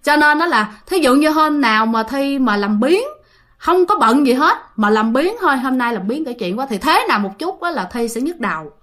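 Female host, higher voice, chatty ghost-story teller who talks straight to listeners. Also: animated, normal speed, fairly bright tone. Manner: chatty, addresses listeners directly, many fillers. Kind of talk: casual storytelling.

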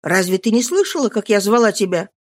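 A woman voicing a lively young woman who coaxes and teases a friend in an audiobook. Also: medium pitch, a little fast, lightly acted. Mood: coaxing. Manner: coaxing and teasing. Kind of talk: audiobook reading.

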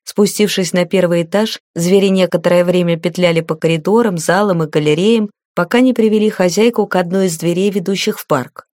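A woman reads a fantasy novel aloud in a steady storytelling manner. Her voice sits a little low, and the recording is dry and close with no room sound. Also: brisk, few pauses, dry recording. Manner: even, storytelling reading. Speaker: audiobook narrator. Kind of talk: scripted fantasy narration.

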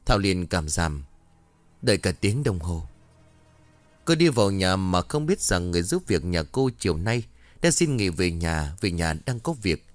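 A man tells a ghost story dramatically, and his pitch moves widely. His voice is low. The recording is dry and close. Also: no echo. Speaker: narrator. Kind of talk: horror story narration.

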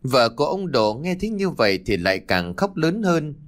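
A male audiobook narrator telling a mournful story. His pitch rises and falls a great deal as he reads. The delivery is somber and dramatic, paced as scripted storytelling narration. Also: very animated, normal speed.

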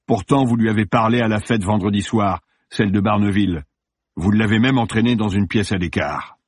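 A man's voice: lowish voice, fairly quick, husky, no room sound, studio quality. A man voicing a stern male police commander who questions coldly and insistently, in an audiobook. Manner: cold, level, insistent. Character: grim, hard-pressing male police commander. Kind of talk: audiobook character voice.

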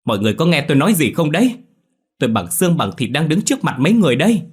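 A man voicing a young husband who has just died, shouting in panic in an audio ghost story. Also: fairly high pitch, very animated, rapid-fire, breathy edge, pitched above the performer's own voice, heavily acted. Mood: frantic, pleading.

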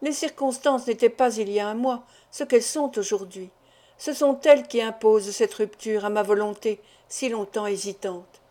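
A woman's voice: on the high side, moderate pace, warm tone, natural voice. A woman reading the part of an anguished middle-aged mother, pleading with impassioned, tearful words in an audiobook.

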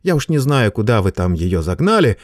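A man voicing a cunning, high-strung male schoolteacher who exclaims loudly in a raised voice. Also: very animated, fairly quick, no room sound, studio quality. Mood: commanding.

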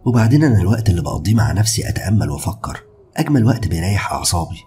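A man with an Egyptian accent narrating a first-person horror story in a steady, brooding way. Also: low voice, racing, faint music behind. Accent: Egyptian Arabic.

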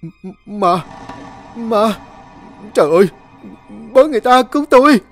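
A man's voice: on the high side, normal speed, soft background music, voice pushed up, close to an everyday voice. A man voicing a timid young male servant in a storybook tale, stammering and crying out in fright. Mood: terrified. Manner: stammering, panicked cries.

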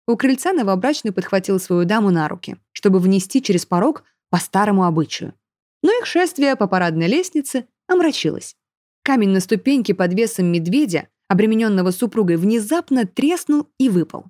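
A woman reading a fairy-tale story aloud in first person, expressive, on a close mic. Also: medium pitch, dry recording. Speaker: audiobook reader.

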